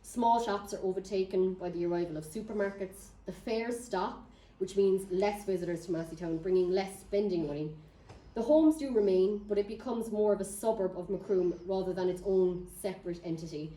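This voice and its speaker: A woman from Ireland with a County Cork accent gives an informal local history talk, telling stories with wry, light humour. Her medium-pitched voice is warm and at normal speed. She's recorded from afar in an echoey indoor room before an audience.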